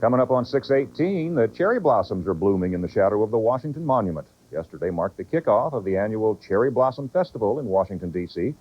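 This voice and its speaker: A male anchor reads morning news with a slightly low, husky voice that moves a lot in pitch. The sound is dull, from old broadcast tape. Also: very animated, fast, few pauses. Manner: smooth newsreader delivery. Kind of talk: morning news reading and banter.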